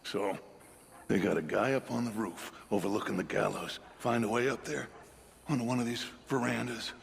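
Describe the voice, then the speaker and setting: An actor playing a commanding male outlaw in a video game, giving clipped, urgent instructions in a gravelly voice. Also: mid-range voice, normal speed, a little hiss or hum. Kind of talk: dramatic video game acting. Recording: very loud music behind.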